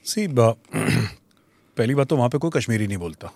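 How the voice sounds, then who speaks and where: A man's voice: medium pitch, very animated, very fast, creaky, a little mellow, no echo. A man with an Indian accent explaining as a panel guest, emphatic, repeating his points and slipping between English and Hindi. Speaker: guest commentator.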